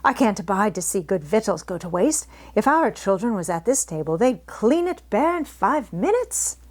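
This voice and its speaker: A woman's voice: medium pitch, sing-song, moderate pace, a little mellow. A woman voicing a good-tempered, outspoken young housemaid who rattles on in homely dialect for a storybook. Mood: indignant, outspoken. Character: good-tempered, chatty young Yorkshire housemaid, plain-spoken country girl.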